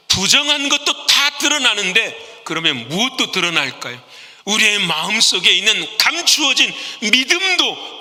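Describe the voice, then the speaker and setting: A man's voice: high-pitched, bright, forceful tone. A man preaching a sermon as pastor. He asks the congregation questions, answers them himself, and acts out dramatic quotes. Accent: Korean. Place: large church sanctuary. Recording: long hall reverb.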